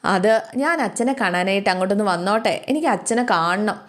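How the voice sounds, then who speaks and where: An eager young schoolgirl pleads in a high, childlike voice, as a woman storyteller puts her on. She talks quickly, with the words tumbling out. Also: expressive, lightly acted. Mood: pleading.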